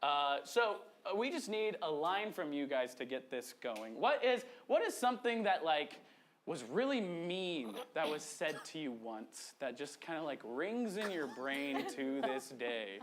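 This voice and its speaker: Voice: mid-range voice, measured pace, a little hiss or hum. The host of a live improv comedy show, hyping up the crowd and bantering from the stage, often raising the voice to rally them. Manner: animated, often shouting to rally the audience. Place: on a stage before an audience.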